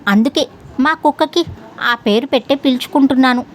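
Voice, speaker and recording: A sly, mischievous man teases his neighbor with mocking remarks, as a female narrator reads him. The voice stays fairly high, with a faint hiss of noise behind it. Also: fairly quick, natural voice. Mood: teasing.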